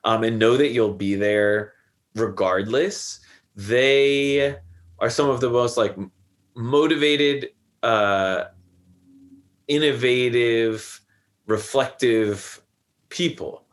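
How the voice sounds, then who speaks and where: A man's voice: mid-range voice, takes it slowly. A man in his thirties, a podcast guest, talking reflectively in a loose, rambling way full of fillers. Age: 30s. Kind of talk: casual conversation.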